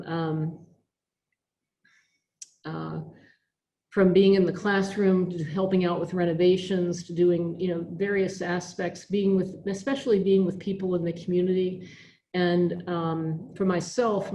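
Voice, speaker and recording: A woman speaking over a video call from a school lab, her voice low-set and mellow. She reflects on her work, pausing often with fillers and restarting her sentences. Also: slight background noise. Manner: hesitant, many fillers and restarts. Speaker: teacher and religious sister.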